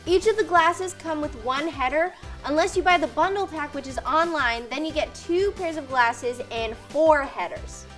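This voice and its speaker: Game host, female, high-pitched, lively party-game delivery over music. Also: normal speed, hardly any pauses. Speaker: host of a tongue twister game. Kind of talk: lively game-show hosting among friends. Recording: loud music behind the voice.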